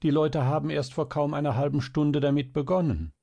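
A man's voice: mid-range voice, fairly even intonation, measured pace, dark tone, voice pushed up, lightly acted. A man voicing a worried, tender mother in a storybook, anxious and soothing.

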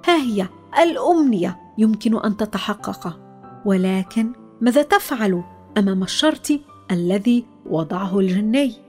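A woman narrating a children's story in an expressive, dramatic way. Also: mid-range voice, normal speed, soft background music.

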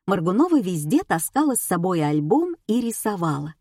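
A woman narrating an audiobook in a steady storytelling read. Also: fairly low pitch, normal speed, no echo, studio quality. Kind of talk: scripted narration.

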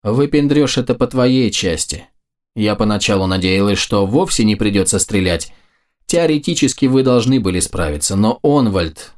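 A man's voice: on the low side, natural voice. A man voicing a fierce, curt female warrior who speaks in clipped, cutting lines.

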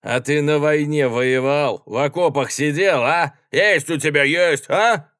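A man voicing a spiteful, hostile soldier who speaks loudly and accusingly, in a dry audiobook reading. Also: on the high side, a little slow, no echo, pitched above the performer's own voice. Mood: sneering. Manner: loud, sneering, accusing.

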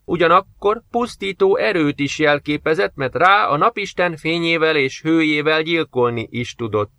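Guy putting on a high, slow know-it-all old professor type, dry close sound. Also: pushed and bright, no echo. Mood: lecturing. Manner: lecturing, drawn-out, high-pitched. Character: fussy old male scientist, condescending.

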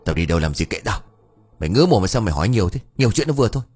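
A man's voice: fairly low pitch, big pitch swings, fast talker, slightly rough, soft background music. A man voicing a grumpy, spiteful old village man who snaps rudely. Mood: snapping. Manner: snappish and rude.

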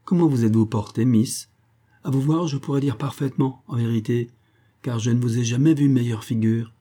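A man's voice: mid-range voice, normal speed, mellow, breathy edge, voice pushed up, close to an everyday voice. A man reading aloud who voices a timid, flustered young female servant, stammering and deferential. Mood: eager. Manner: stammering, repeats "monsieur" anxiously.

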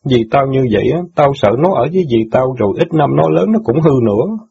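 A man's voice: mid-range voice, very animated, fairly quick, vocal fry, mellow, husky, full character voice. A man voicing an angry, heartbroken young newspaper boy who pours out his grievances in an audiobook drama. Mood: aggrieved. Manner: bitter, aggrieved outbursts. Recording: dull lo-fi audio.

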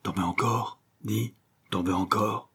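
A man voicing a savage seventeen-year-old street brawler who roars his lines hoarsely, higher and louder than his narration. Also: animated, normal speed, full character voice. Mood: dazed menace.

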